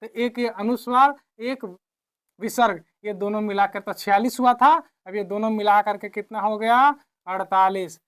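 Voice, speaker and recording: A woman teaching a classroom lesson, who keeps asking her own questions and answering them, repeating each point slowly. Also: mid-range voice, steady tone, smooth. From India.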